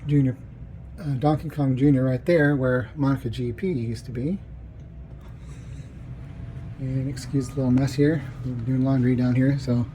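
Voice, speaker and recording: Medium in pitch and dark in tone, this man's voice comes with a little hiss or hum in the recording. Still recovering from tonsil surgery, the arcade collector rambles through a filler-heavy vlog tour of his game room at home.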